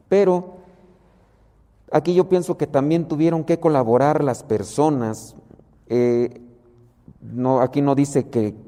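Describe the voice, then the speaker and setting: Male preacher, mellow tone, measured sermon delivery, long hall reverb. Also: medium pitch. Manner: slow, measured explaining of scripture.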